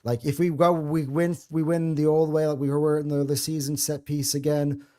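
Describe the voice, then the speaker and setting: A man's voice: a little high, level tone, normal speed, warm tone. A man hosting a football podcast, talking with passion and rambling through restarts. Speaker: podcast host. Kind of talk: casual football podcast chat.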